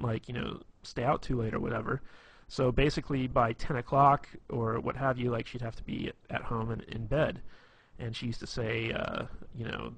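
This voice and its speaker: A man's voice: mid-range voice, vocal fry, fairly bright tone, slightly rough. A man explaining how to be funny with girls in a loose, rambling tutorial, full of fillers and restarts. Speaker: dating advice instructor. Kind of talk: casual tutorial talk.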